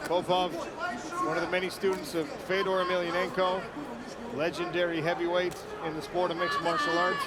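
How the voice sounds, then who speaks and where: High-pitched male fight commentator, roaring crowd. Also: little pitch movement, a little fast. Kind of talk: live MMA commentary. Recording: very noisy arena, loud crowd. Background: roaring arena crowd.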